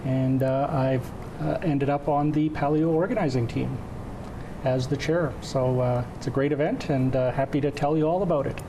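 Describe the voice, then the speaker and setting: In an informal TV interview, a man in his forties from western Canada, whose first language is Croatian, speaks as an event organizer. His mid-range voice has fairly even intonation and normal speed. He's in an indoor TV studio wearing a lapel mic, with a noisy background.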